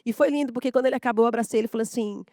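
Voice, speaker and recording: A woman's voice: on the high side, steady tone, rapid-fire, mellow, no room sound, clean studio sound. A woman from a school staff, sharing heartfelt stories at a round table, full of fillers and moved to tears at moments.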